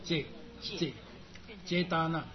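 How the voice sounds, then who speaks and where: Male teacher, slightly high voice, patient slow drilling; lo-fi classroom tape, crowd chatter behind. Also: fairly even intonation. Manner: patient, repeats syllables slowly for learners. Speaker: language teacher. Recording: dull lo-fi classroom recording with chatter.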